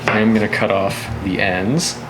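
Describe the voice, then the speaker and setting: A man's voice: fairly low pitch, fairly even intonation, moderate pace, noisy background. A man casually narrating his cooking at home, rambling in a laid-back, profane way. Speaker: host of a cooking vlog. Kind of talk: casual chat while cooking, narrating each step. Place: home kitchen.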